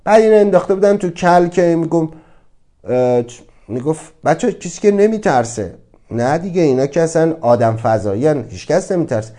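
A man's voice: a little high, animated, dark tone. A man giving a motivational talk, earnest and reflective, asking many rhetorical questions. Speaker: speaker on self-acceptance.

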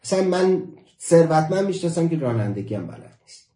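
A man's voice: fairly high pitch, very animated, warm tone, roomy sound. Emphatic man teaching a motivational class. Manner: emphatic, repeats key phrases, slows down to stress points.

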